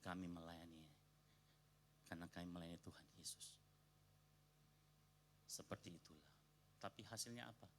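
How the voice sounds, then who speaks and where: Bright-voiced Indonesian man preaching. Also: low-pitched, moderate pace, long pauses, slight background noise. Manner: storytelling, acting out quoted arguments with rising emphasis. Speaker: pastor. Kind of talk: sermon with personal story. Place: church sanctuary.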